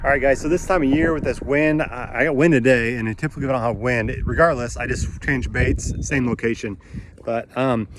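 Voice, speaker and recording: A man's voice: mid-range voice, background noise. A man in his thirties chatting casually and instructively as a fishing vlogger, out on a boat on a lake. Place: outdoors on a boat on a windy lake.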